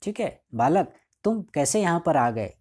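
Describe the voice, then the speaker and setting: A man teaching a school chapter line by line, his voice mellow and warm. He reads each English line slowly, then explains it casually and often checks in with his students. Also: on the high side, big pitch swings. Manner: frequent checking fillers.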